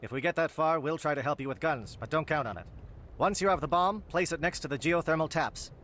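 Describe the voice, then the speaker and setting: An actor voicing a calm, grave alien captain in video game dialogue, precise and matter-of-fact. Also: male voice, a little high, a little fast, a little hiss or hum, natural voice. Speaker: Salarian captain planning an assault.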